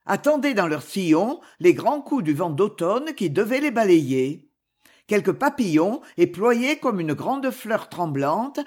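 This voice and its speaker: A narrator reading a literary novel aloud in an expressive, lively manner with a husky voice. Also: medium pitch.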